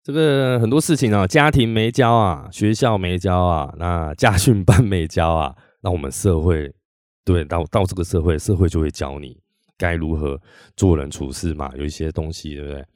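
A man, a podcast host and musician, telling a story in a casual monologue, animated, acting out quotes and often restarting his sentences. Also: deep voice, moderate pace, no echo, clean studio sound.

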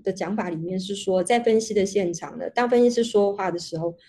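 A woman's voice: mid-range voice, fairly quick, dark tone. A woman, a researcher speaking as a guest in an online panel talk over a video call, explaining at length with many restarts. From Taiwan.

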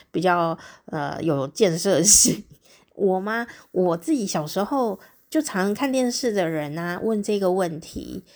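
A woman hosting a casual chat show, telling a story in a chatty, lively way with drawn-out particles. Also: fairly low pitch. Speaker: podcast host.

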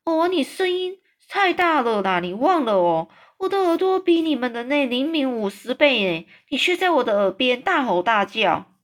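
A woman voicing a huge, gentle, friendly male giant in a storybook read-aloud, talking in a raised, fussy, complaining tone. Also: high voice, sing-song, normal speed, hardly any pauses, voice pushed up.

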